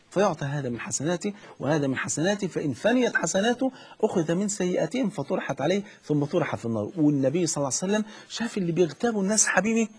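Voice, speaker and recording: A man's voice: a little high, a little mellow, breathy edge. A man with an Egyptian Arabic accent, a preacher giving fervent, fatherly religious advice on a call-in show. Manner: fervent, fatherly, keeps saying "my dear".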